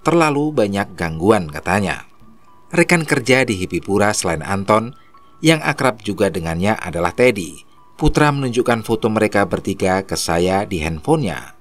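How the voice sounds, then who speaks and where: A man narrating a horror story in a steady storytelling manner. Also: fairly low pitch, normal speed, soft background music.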